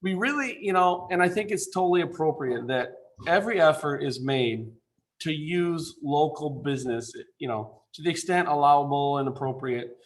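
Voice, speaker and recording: A man's voice: fairly high pitch, animated, normal speed. A man, an architect, presents a building design to a council remotely over a video call, speaking informally with many fillers and restarts.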